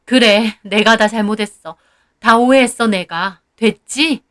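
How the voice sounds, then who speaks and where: A woman voicing a sulking, plaintive older mother-in-law who talks low, quiet and grudging. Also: unhurried. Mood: sulky.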